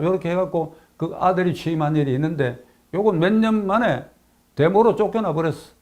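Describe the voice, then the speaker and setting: A man's voice: high voice, vocal fry, a little mellow. An older man from South Korea giving a political commentary monologue on his own channel, emphatic, repeating key phrases and asking rhetorical questions.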